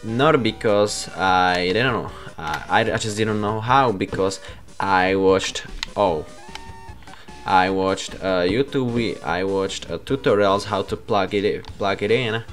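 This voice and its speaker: Young male vlogger, low-pitched, halting, self-correcting. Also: a bit bright, faint music behind. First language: Slovak. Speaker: YouTuber. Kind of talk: casual vlog talk.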